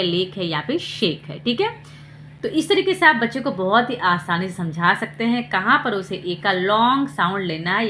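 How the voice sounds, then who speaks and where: Bright-voiced woman teaching phonics. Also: medium pitch, a little hiss or hum. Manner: slow, deliberate letter-by-letter explanation with rhetorical questions. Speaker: parenting channel host teaching phonics. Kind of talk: explanatory lesson for parents.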